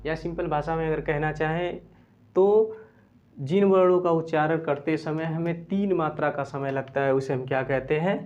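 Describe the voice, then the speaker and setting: A man with a somewhat high voice teaches a grammar lesson. He explains each point step by step, repeats key phrases and slows to dictate definitions one word at a time. The sound is muffled and lo-fi. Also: steady tone, a little mellow. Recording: dull lo-fi recording.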